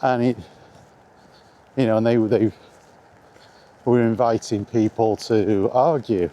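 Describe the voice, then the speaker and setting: A middle-aged British video maker shares his views on video games in a casual, rambling vlog, walking outdoors in the rain. His mellow voice is on the low side with fairly even intonation and a slow pace, and he's meandering and mildly sweary. Outdoor ambient noise is faintly audible.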